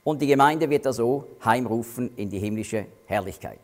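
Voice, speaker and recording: A man teaching through Bible verses, explaining terms with slow, stressed emphasis. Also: medium pitch.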